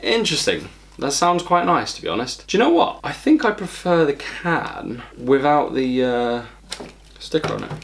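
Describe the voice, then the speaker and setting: A man's voice: medium pitch, a little hiss or hum. Foul-mouthed man reviewing beer. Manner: profane, exasperated, blunt. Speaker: beer reviewer, channel host. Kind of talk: casual vlog review. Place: at home, at a table.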